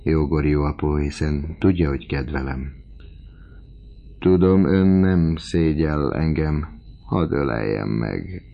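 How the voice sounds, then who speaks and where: A man's voice: rumbling low, creaky, lo-fi sound. A man voicing an earnest young male student in a story reading, speaking urgently. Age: young adult.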